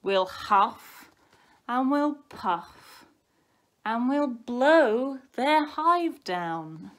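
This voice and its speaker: Storybook young wolf brother played by a woman: exasperated, emphatic, very slow and deliberate pacing. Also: fairly high pitch, expressive, fairly bright tone, exaggerated voice. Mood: eager, scheming. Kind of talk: storybook character voice.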